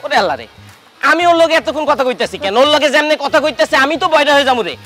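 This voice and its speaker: An actor playing a mocking young male friend who teases loudly, in a comic drama. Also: extremely high pitch, lively intonation, very fast, faint music behind, full character voice. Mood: scornful. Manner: teasing, mocking, loud.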